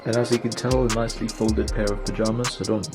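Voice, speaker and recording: A man's voice: on the low side, level tone, quick pace, loud music behind the voice. A young man vlogging from his bedroom at home, talking casually and rambling as he explains what he is doing. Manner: chatty, rambling, explains as he goes. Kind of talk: casual vlog.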